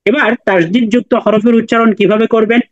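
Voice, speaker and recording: A man's voice: high-pitched, steady tone, quick pace, dry recording, lo-fi sound. A man teaching Quran recitation in an online class, patiently repeating and drilling letter sounds with his students.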